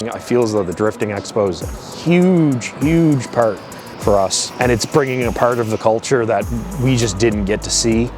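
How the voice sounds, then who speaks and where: Low-voiced man, casual show organizer. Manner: casual, upbeat, many fillers and repeats. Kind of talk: interview at a car show.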